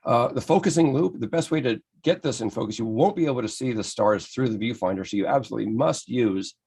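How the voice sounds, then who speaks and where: A man's voice: medium pitch, fast, darkish tone, breathy edge. An American man giving an enthusiastic, conversational photography lecture from slides, with frequent restarts. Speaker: photography presenter. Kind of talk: slide-based club lecture.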